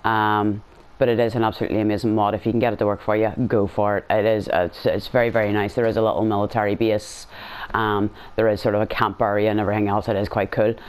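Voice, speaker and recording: A man's voice: lowish voice, level tone, quick pace, hardly any pauses, clean tone. A man giving casual game commentary as a video host, rambling, blunt and slangy.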